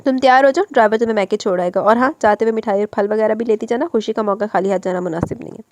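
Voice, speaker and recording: A woman's voice: on the high side, racing, dry recording, lightly acted. A woman voicing a wealthy older husband who speaks in a dry, clipped, dismissive way, reading a romance audiobook.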